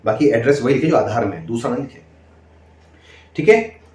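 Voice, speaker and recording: A man's voice: medium pitch, animated, normal speed, darkish tone. A man coaching interview candidates in speech, emphatic and repetitive, often asking "okay?". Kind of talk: direct-to-camera coaching talk. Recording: echoey room.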